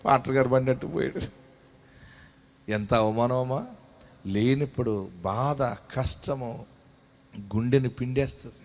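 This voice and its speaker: A man with a Telugu accent preaching a sermon as pastor, calling out to the congregation and telling personal stories, moving between loud shouted exhortation and quiet storytelling. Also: mid-range voice.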